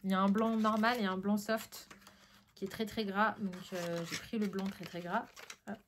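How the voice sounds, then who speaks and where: A woman's voice: mid-range voice, normal speed, noisy background. Chatty sniffly French woman vlogger. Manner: chatty, excitable, frequent fillers and sniffing. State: sniffly, ticklish nose. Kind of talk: casual unboxing chat.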